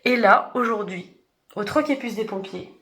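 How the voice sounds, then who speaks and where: A woman's voice: medium pitch, expressive, moderate pace, fairly bright tone. A young woman chatting casually in a book vlog, hesitant with many fillers. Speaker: book vlogger.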